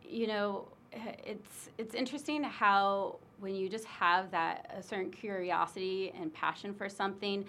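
Woman, from Illinois, admissions recruiter, casual interview talk, filler-heavy, mid pitch. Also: measured pace, hardly any pauses, fairly bright tone, a little hiss or hum. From Illinois, United States. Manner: chatty, many fillers like um and you know.

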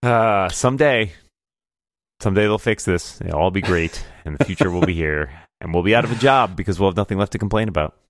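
Male podcast host, low-pitched, animated storyteller, dry close-miked sound. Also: a little fast, no room sound. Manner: animated storyteller, laughs often. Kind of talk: casual chat.

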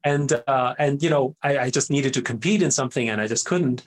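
Here a middle-aged man from Austria, native in German, is a guest entrepreneur in a casual interview. His medium-pitched voice runs a little fast. He tends to ramble, often restarting and filling pauses, and he habitually closes sentences with "right?"

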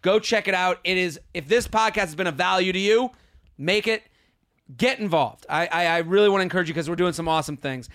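Bright, high-pitched man hosting a comedy podcast. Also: a little fast. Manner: exuberant, repetitive, self-hyping. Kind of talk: high-energy podcast intro, casual plug to listeners.

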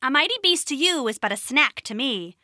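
A brash, cocky hyena, as a woman puts it on. The storybook animal talks loud and sure of itself. The sound is dry and close. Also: high voice, animated, fairly quick, no room sound.

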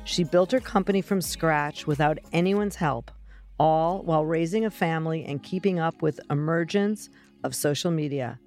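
A middle-aged woman hosting an interview, asking brisk, direct questions. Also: sits low, a little mellow, faint music behind. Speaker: interview host. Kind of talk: interview, scripted intro.

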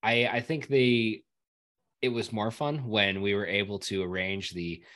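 A man's voice: on the low side, steady tone, a little slow, a bit bright. A young man in a casual sports chat, repeating words as he riffs on goofy ideas. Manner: stammering, repeats words, jokey. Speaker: podcast co-host.

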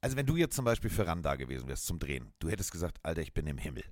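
A man with a German accent co-hosting a chat podcast, telling lively anecdotes and mimicking the voices of people in them. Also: a bass voice, very fast, no room sound, studio quality. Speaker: podcast co-host. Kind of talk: casual chat, animated storytelling.

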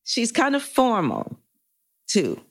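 A woman's voice: a little high, wildly swooping pitch, takes it slowly, husky. A woman actor and producer talking casually and thoughtfully about a role she is playing. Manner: thoughtful, searching for words. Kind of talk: casual chat.

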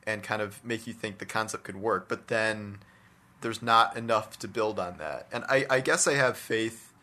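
A podcast co-host chats casually about video games, his hobby, offering his opinions and hedging with plenty of "like" and "you know." His voice sits on the low side, pushed and bright, at a moderate pace.

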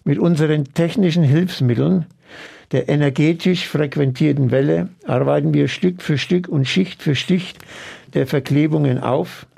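Male practitioner, gravelly voice, mellow dark tone, earnest measured explaining, interview answers. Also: a little high. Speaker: osteopathic practitioner.

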